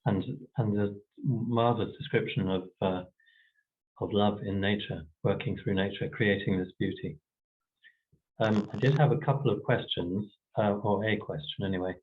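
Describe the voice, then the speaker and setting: A man's voice: lowish voice, narrow, tinny audio. A man hosting an event, speaking off the cuff in a hesitant, politely appreciative way. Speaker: host relaying audience questions. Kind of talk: event moderation, spontaneous speech.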